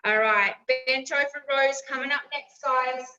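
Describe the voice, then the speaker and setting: A woman's voice: high voice, fairly even intonation, measured pace, sharp tone, faint music behind. A woman leading a group workout as fitness instructor, giving encouraging cues and instructions. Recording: roomy, distant mic, slightly dull.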